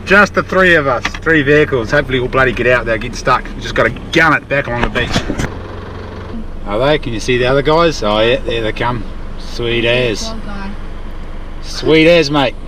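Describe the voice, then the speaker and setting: Broad Kiwi bloke, casual vlogging. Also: male voice, medium pitch, fairly quick. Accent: broad New Zealand. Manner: laid-back, matter-of-fact, mildly sweary and slangy. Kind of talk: casual running vlog commentary. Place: outdoors and around vehicles. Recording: noisy outdoor audio with vehicle sounds.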